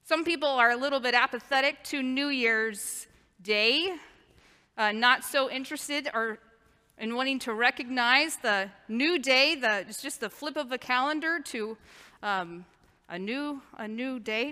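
Slow-paced woman preaching in a reverberant church. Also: sits high, bright, forceful tone. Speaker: pastor. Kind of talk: sermon.

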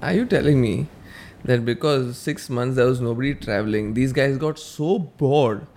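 A man's voice: medium pitch, normal speed, darkish tone, slight background noise. A young man with an Indian accent in casual, slangy conversation, sometimes mixing in Hindi phrases. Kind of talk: casual chat.

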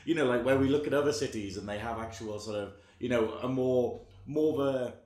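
A man's voice: medium pitch, fairly quick, a little mellow. Jokey male host in an echoey room. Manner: jokey, informal, chatty. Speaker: podcast host. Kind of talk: casual banter and interviewing.

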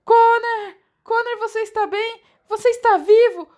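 A woman's voice: very high-pitched, expressive, normal speed. A woman voicing an anxious, cautious teenage girl twin who pleads and scolds in a raised voice. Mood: worried.

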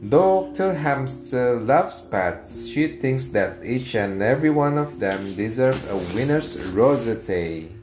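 A man's voice: mid-range voice, big pitch swings, slow pace, few pauses. A man reading a children's story aloud and addressing young viewers in simple words, like a kids show host. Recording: echoey room with music. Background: guitar music.

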